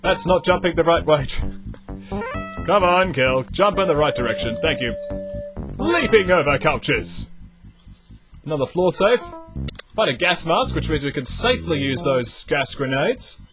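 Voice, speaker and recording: Animated young man commentating gameplay. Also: a little high, unhurried, pauses often, music in the background. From outside the United States. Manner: animated, thinks aloud while playing. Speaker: let's play commentator.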